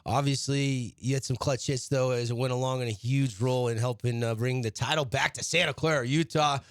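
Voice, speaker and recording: A man's voice: mid-range voice, steady tone, a little fast, no room sound. A man hosting a sports talk radio show, eagerly stacking questions for the players in the studio.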